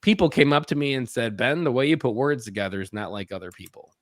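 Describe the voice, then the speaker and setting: A medium-pitched, animated man in his thirties talks fast as a podcast guest, earnestly relating personal stories. He reflects aloud and performs his own inner voice in quotes, and the studio sound is clean with no room ambience.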